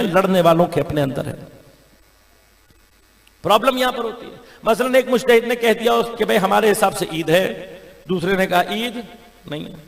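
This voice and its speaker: A man's voice: high-pitched, a bit bright. A man with a Pakistani Urdu accent, a Shia cleric preaching a majlis sermon as a rhetorical orator whose voice swells and drops. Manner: rhetorical orator with sudden rises and falls. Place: large imambargah hall. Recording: long hall reverb.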